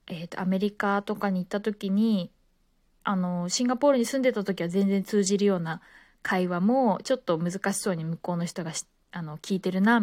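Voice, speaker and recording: Relaxed Japanese woman talking solo. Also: lowish voice, no echo, studio quality. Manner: relaxed, many fillers. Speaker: podcaster. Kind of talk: casual solo talk.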